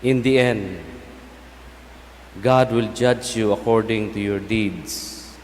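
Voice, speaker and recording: A Filipino man, a native Cebuano speaker, preaching as a priest in a solemn, measured way with pauses between short phrases. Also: fairly low pitch, darkish tone. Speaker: priest giving a homily. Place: large church, speaking through a sound system. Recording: long basilica echo, some background noise.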